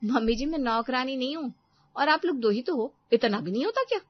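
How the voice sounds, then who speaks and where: A woman voicing a bossy, sharp-tongued young daughter-in-law who talks in a scornful, demanding way in a cartoon story. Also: high voice, expressive, brisk, highs cut off, pitched above the performer's own voice.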